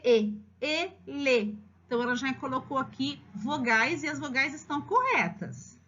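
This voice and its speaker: A woman with a Brazilian accent explaining children's writing levels to parents as a teacher, stretching words slowly syllable by syllable. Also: sits high, breathy edge. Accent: Brazilian Portuguese. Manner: lively, drawn-out slow spelling of syllables. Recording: slightly dull lo-fi recording.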